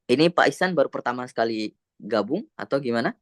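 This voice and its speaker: An Indonesian man teaching Quran recitation on a video call, slow and patient, drawing out sounds to model them. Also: mid-range voice, expressive, dry recording, studio quality. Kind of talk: patient one-on-one recitation lesson.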